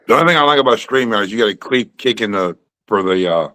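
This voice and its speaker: A man's voice: on the low side, animated, quick pace, pushed and bright. A man in his fifties hosting a livestream, chatting casually over a video call in an easygoing, reassuring way. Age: 50s. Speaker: livestream host. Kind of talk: casual chat.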